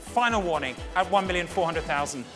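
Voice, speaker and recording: A man's voice: high-pitched, expressive, fairly quick, over music. A man working as a fine art auctioneer in a saleroom, formally and courteously calling and repeating bids to the room. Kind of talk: live fine art auction bidding patter.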